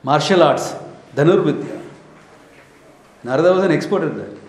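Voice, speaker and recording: An Indian-accented spiritual teacher speaks at normal speed with lively intonation and a fairly high, slightly mellow voice. His informal scripture lecture features storytelling in short, emphatic phrases, rhetorical questions, and slips into Hindi and Sanskrit, captured in an echoey room.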